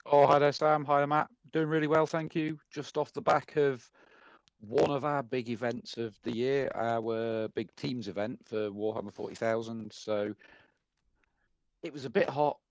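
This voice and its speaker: A man's voice: mid-range voice, steady tone, moderate pace, dry recording, muffled recording. Cheerful man, podcast guest. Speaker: gaming club organiser, guest. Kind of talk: casual interview chat.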